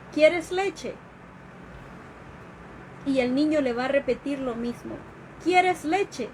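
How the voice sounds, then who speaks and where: A woman educator giving an informal live-streamed talk, explaining slowly and carefully, with fillers and restarts. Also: high voice, darkish tone, a little hiss or hum, low-quality recording. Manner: explanatory, with fillers and restarts, acts out quoted questions.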